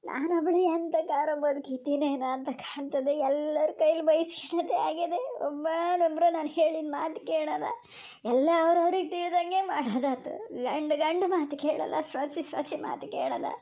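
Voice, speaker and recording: A woman's voice: very high-pitched, normal speed, a little mellow. A woman voicing a wailing old Malnad mother-in-law. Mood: self-pitying wail. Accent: Malnad Kannada. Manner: wailing, complaining, muttering asides. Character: self-pitying older mother-in-law, whiny and scheming. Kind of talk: cartoon voice acting.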